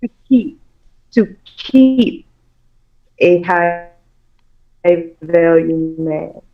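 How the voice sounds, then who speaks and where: A woman's voice: fairly low pitch, animated, drawn-out words. A woman in her thirties calling in over a muffled phone line, talking hesitantly and rambling with many fillers. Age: 30s. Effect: muffled phone-call line. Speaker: caller. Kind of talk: call-in conversation. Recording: dull lo-fi call audio.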